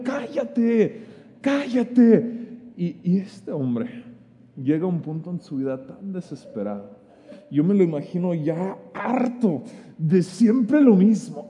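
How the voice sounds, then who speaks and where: Preacher, man, high yet mellow voice, long church-hall reverb. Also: vocal fry, muffled recording. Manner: animated, stammering restarts, vivid retelling. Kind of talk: sermon storytelling.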